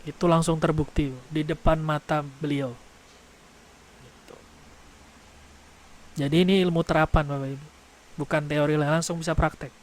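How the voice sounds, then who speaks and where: Male parenting trainer, animated storyteller, a bit high-pitched. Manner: animated storytelling, addresses audience as "Bu". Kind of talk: seminar talk to parents.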